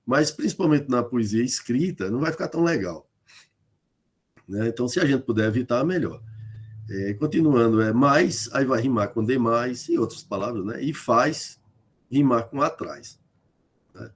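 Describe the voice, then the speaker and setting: A man's voice: mid-range voice, expressive, moderate pace, slightly rough. A male lecturer from Northeast Brazil giving an online class, hesitant and full of fillers and tag questions, explaining through spoken examples. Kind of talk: online lecture on rhyme in folk poetry.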